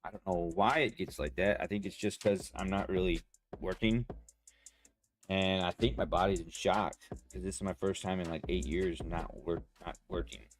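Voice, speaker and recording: A man chatting casually to his stream viewers, rambling and excitable, full of fillers and restarts. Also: low voice, normal speed, a little hiss or hum. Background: faint music.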